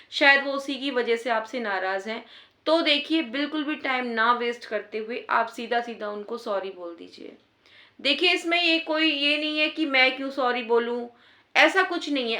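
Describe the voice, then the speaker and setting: A woman's voice: sits high, pushed and bright, reverberant. A woman giving earnest, repetitive advice in a casual talk to wives. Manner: earnest, repeats points for emphasis. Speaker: advice vlogger.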